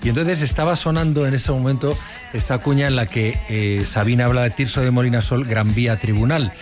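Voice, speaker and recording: A man's voice: mid-range voice, brisk, darkish tone. A man hosting a morning radio show, chatting in a rambling, easygoing way in the studio. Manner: chatty, rambling, laughs easily. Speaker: radio host. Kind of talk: casual radio chat. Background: music.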